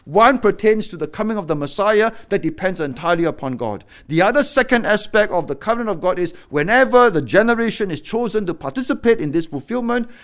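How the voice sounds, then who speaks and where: Emphatic middle-aged man preaching, fairly high voice. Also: animated, fast, hardly any pauses. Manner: emphatic, swings between loud exhortation and quiet low-voiced warning. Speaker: pastor. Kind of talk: sermon.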